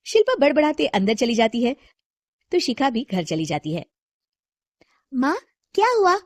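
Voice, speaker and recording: Brief: woman narrator for a storybook, soft and calm, bright high voice. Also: normal speed, no room sound, studio quality.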